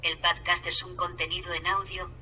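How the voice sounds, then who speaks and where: A synthetic female voice assistant giving polite, even answers. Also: fairly low pitch, normal speed, far from the mic, a little hiss or hum.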